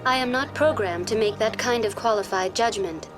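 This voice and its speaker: Playing a calm, programmed female virtual intelligence tour guide in a video game, a woman with a high voice speaks in a very proper, precise, formal and courteous manner. The scripted informational dialogue comes at a normal speed, close to an everyday voice, with music behind it. Her tone is polite and informative.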